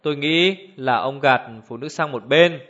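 A man's voice: fairly high pitch, moderate pace, a bit bright, natural voice. A man voicing a scornful male adventurer who talks curtly in a sour, irritable tone, on a dull lo-fi recording. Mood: sardonic.

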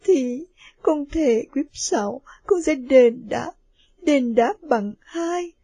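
A woman's voice: high-pitched, expressive, drawn-out words, warm tone, no echo, full character voice. A woman voicing a remorseful young daughter who sobs and begs forgiveness. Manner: sobbing, imploring. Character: remorseful young daughter, sobbing and self-blaming.

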